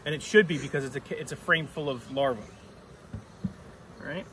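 In a hands-on demonstration on a grassy yard, a middle-aged beekeeper inspects a hive and plainly explains each step. His fairly bright voice sits a little high for a man and moves at a normal pace, heard from a camera mic a few steps away over a faint outdoor hum.

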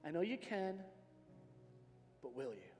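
A middle-aged American pastor on a large church stage preaches an impassioned, personal sermon full of storytelling, swinging dramatically from hushed tones to shouting. His voice is on the high side, sing-song and unhurried, over soft background music. He uses a worn hands-free microphone, and the sound system gives a reverberant large-hall sound.

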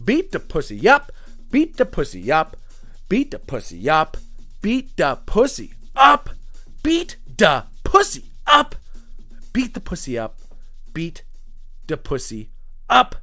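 A man hosting a comedy podcast, reciting rap lyrics word for word in a mock-serious deadpan and stopping to comment dryly on them. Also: a little high, slow, pauses often, faint music behind. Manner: mock-serious, dry commentary between lively recited lines. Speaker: podcast host.

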